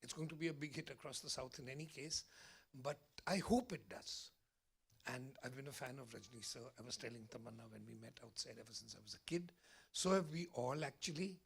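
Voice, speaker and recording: A man with an Indian English accent, hoarse today, answering confidently as a guest at a film press event. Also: mid-range voice, a little fast, fairly bright tone. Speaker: film critic and distribution guest.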